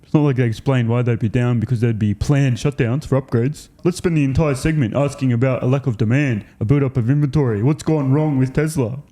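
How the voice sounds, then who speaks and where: A man's voice: medium pitch, fairly quick, warm tone, lightly acted. A clueless finance television talking head, as a mocking man puts it on. The figure frets naively and sounds the alarm in a parody of a news pundit. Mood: mock worry.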